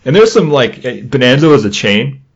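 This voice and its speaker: With a Yooper accent from Michigan's Upper Peninsula, this young podcast host talks casually, rambles, laughs readily, and quizzes his co-host. He sounds very animated and husky at medium pitch and normal speed, on dull lo-fi audio.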